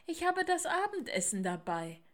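A woman's voice: very high-pitched, sing-song, moderate pace, voice pushed up. A woman voicing a caring, flustered mother owl in a storybook reading. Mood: motherly. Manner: motherly, becomes exasperated.

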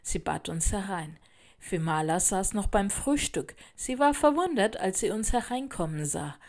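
A woman's voice: medium pitch, animated, normal speed, darkish tone. Woman reading a children's story. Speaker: narrator.

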